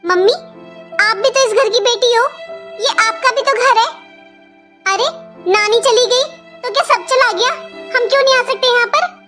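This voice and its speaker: A woman's voice: moderate pace, pauses often, pushed and bright, soft background music. A woman voicing an outspoken young girl in a cartoon, talking in a pleading, earnest way. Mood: consoling. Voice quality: high childlike voice. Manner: pleading and talkative. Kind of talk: cartoon voice acting.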